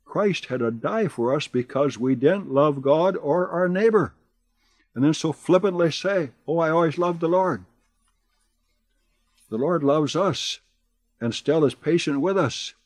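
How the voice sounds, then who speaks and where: Earnest preacher, dry sound. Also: male voice, on the high side, lively intonation, a little mellow, dry recording. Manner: earnest, exhorting, with slow emphatic pauses. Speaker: pastor. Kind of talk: radio sermon.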